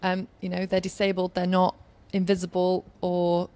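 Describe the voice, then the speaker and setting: She's a former Olympic organiser in her thirties with a Yorkshire accent, interviewed and responding in an earnest, advising manner that flows steadily. Her voice sits on the low side at a normal pace.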